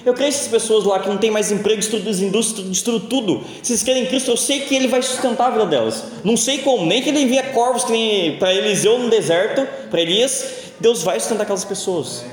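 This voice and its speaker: A man's voice: high-pitched, fast talker, hardly any pauses. A young man preaching a sermon in a church, telling stories in a casual, joking way. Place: church hall. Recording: echoey church hall with long reverb.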